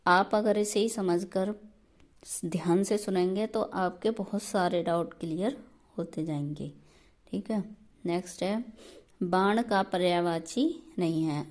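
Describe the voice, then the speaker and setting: A woman's voice: lowish voice, measured pace, a little mellow. A woman teaching an exam prep grammar lesson, explaining patiently step by step and checking in often.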